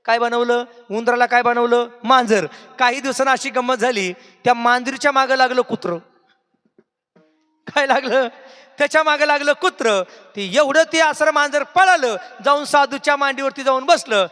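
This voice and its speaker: High, bright-voiced preacher. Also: male voice, moderate pace, smooth, soft background music. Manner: questioning the audience, singsong. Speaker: kirtan preacher. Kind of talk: devotional sermon with call-and-response. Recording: echoey hall reverb.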